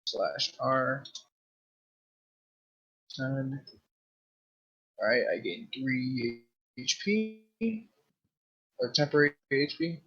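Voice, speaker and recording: Bright-voiced man describing his turn. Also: medium pitch, animated, very slow, pauses often, breathy edge, dull audio. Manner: describes his spell flavor with gusto. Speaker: player. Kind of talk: casual tabletop game talk.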